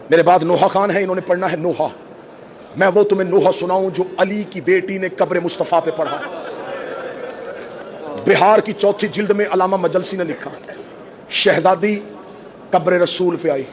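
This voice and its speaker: A man delivering an impassioned sermon, wailing and rising to shouts, at a large mourning gathering. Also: sits high. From Pakistan. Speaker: Shia cleric delivering a majlis. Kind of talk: emotional sermon recitation. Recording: noisy crowded gathering, live mic.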